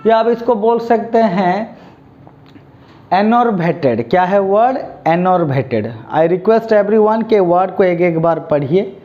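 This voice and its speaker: A high-voiced man with an Indian accent gives a vocabulary lesson. He moves slowly through each word and has the class say it back. The recording sounds dull and lo-fi. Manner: drills words, asks the class to repeat them; mixes Hindi and English. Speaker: English vocabulary teacher.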